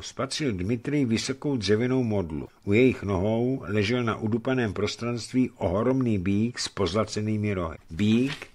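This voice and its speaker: Man narrating a novel, low voice, lively melodic reading, radio studio. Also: husky. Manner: expressive storytelling.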